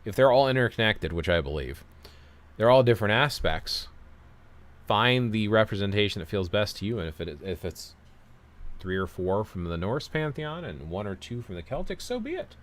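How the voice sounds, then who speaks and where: A man's voice: lowish voice, sing-song, moderate pace. A man hosting a casual livestream, reading out viewer comments and giving long, rambling, self-deprecating opinions. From United States.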